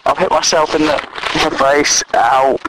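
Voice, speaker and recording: A drunk man talking in a slow, rambling way, sighing and trailing off into whispers. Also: fairly high pitch, very noisy.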